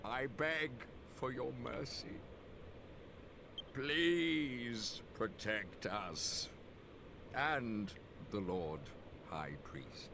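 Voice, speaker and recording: An actor playing a grave, solemn male character in a voiced fantasy game cutscene, speaking slowly, with loud noise behind him. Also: mid-range voice. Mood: pleading. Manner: slow, solemn delivery.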